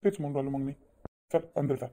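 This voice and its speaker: A man voicing a sly cheating husband in a cartoon, speaking in a fretful, rapid patter. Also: mid-range voice, mellow, a little hiss or hum, natural voice. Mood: evasive. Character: sly cheating husband, caught between wife and lover. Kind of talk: cartoon voice acting.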